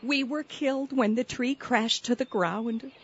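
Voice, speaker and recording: A woman voicing a sentimental mother chickadee ghost pirate with an Upper Midwest accent, folksy and drawn-out, given to weeping over her lost eggs. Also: a little high, husky. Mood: indignant. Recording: lo-fi recording.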